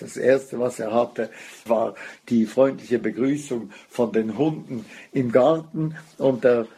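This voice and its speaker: A man telling a religious story as a lecture, unhurried and weaving Hebrew phrases into his talk. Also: mid-range voice, gravelly, dark tone, husky.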